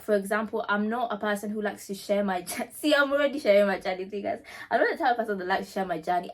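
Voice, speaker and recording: A woman with a mid-pitched voice talks casually to her audience as a vlog host. She addresses listeners directly and leans on repeated phrases to drive her points home, in an emphatic, conversational style. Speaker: pageant winner and vlog host answering questions. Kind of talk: casual chatty Q&A talk to viewers.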